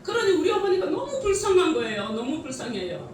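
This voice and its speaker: A woman's voice: high voice, sing-song, brisk, darkish tone, a little hiss or hum. A middle-aged woman preaching a sermon with many rhetorical questions and frequent laughter, heard from a distance in a church sanctuary. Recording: echoey church hall from a distance.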